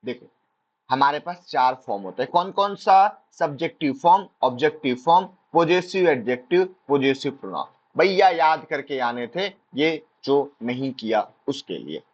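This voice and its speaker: A man's voice: mid-range voice, expressive, moderate pace, muffled recording. A male teacher giving an exam-prep grammar lesson, drilling points playfully with jokey asides.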